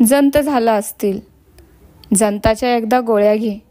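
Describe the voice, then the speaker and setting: A woman voicing a gentle young village boy who speaks in a soft, consoling way. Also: fairly high pitch, measured pace, dry recording, natural voice.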